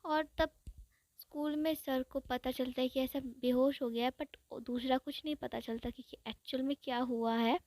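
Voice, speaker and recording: A woman's voice: sits high, fairly even intonation, normal speed, darkish tone, dry recording. A young woman casually retelling a fan-fiction story, chatty and affectionate, with frequent restarts.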